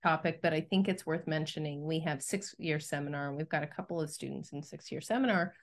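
A woman's voice: low-pitched, fast. A woman hosting a conversational interview, affirming her guest and adding her own thoughts. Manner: affirming, frequent murmured backchannels. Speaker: host.

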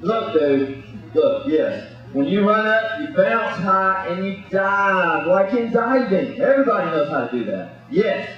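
A man's voice: high-pitched, expressive, unhurried, soft background music. A man coaching in a comic gymnastics act, bossy and exasperated, scolding a clumsy student in front of an audience. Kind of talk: comic coaching patter over a live act. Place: large indoor gymnasium with audience. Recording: echoey distant muffled gym recording.

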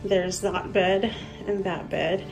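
A woman in her thirties is vlogging casually, gushing to her viewers while holding a phone at arm's length, outdoors at a campground and inside cabins. Her voice is medium-pitched, level and slow. Music plays behind her, and the recording is rough.

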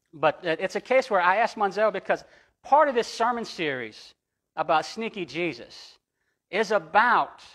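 A man with a fairly high voice delivers a sermon from the pulpit of a church sanctuary. He tells stories in an easygoing, conversational way and often restarts his sentences. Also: a bit bright. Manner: storytelling, conversational, with repeated restarts. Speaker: pastor.

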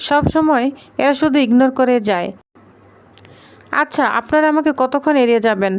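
A woman's voice: high voice, animated, moderate pace, clear, resonant tone. A woman reading the lines of a pushy, prying young wife in a plainly read serial recap. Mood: insistent.

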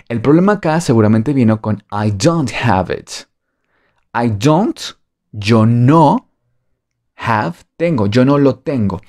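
A man's voice: medium pitch, expressive, takes it slowly, pauses often, darkish tone. A man with a Mexican Spanish accent teaching a beginner English lesson online, playful and jokey, drilling phrases by repetition.

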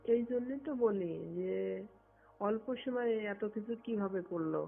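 On a private phone call, a government employee from Satkhira, Bangladesh speaks at a normal pace in a creaky, mid-range voice. The recording is muffled and lo-fi, with music in it.

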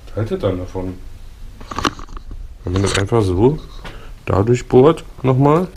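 A man's voice: on the low side, lively intonation, a little slow. A man, giving casual hands-on commentary as a bike mechanic vlogger. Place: bicycle workshop. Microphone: action camera nearby. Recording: noisy action-camera sound.

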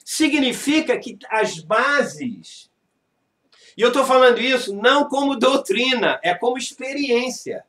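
Lively high-pitched pastor. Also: male voice, unhurried, roomy sound. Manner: emphatic, acts out quoted voices, asks the audience questions. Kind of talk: sermon lesson. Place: church, live-streamed.

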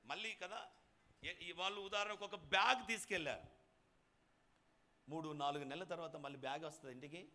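Telangana telugu pastor guy, fairly high voice, bright and forceful, goes quiet then shouts, keeps getting the crowd to answer back. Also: fairly quick, long pauses. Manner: preaching with call-and-response to the congregation; swings between soft storytelling and loud shouted praise. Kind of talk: sermon.

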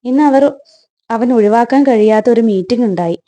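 A woman's voice: fairly high pitch, moderate pace, warm tone, lightly acted. A woman voicing a flustered, grateful wealthy mother who fusses over her guest. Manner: flustered, fussing.

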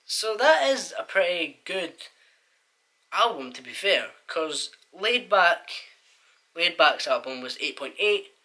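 A young man hosts a laid-back music reaction, talking through his ratings with plenty of ums and restarts. His voice sits a little high and sounds bright and forward. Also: sing-song, slow. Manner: chatty, rates songs out loud with many fillers. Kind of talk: casual album reaction chat.

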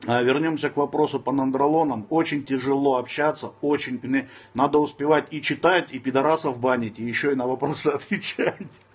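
His voice is husky and mid-range, and he speaks fairly quickly: a man in his thirties from Dagestan doing a casual indoor livestream from his phone, held close. Blunt and foul-mouthed, he answers viewers calmly but snaps at trolls.

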